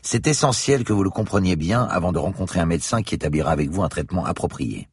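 A man voicing a grave, pedantic male parasitology professor in an audiobook reading, lecturing in a precise, husky voice. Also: low-pitched, lively intonation, fast, no room sound, clean studio sound, pitched above the performer's own voice, heavily acted.

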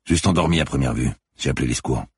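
A man voicing a gruff male police lieutenant who talks in a hard, curt tone, in an audiobook thriller. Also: very deep voice, rapid-fire, no room sound, studio quality, heavily acted.

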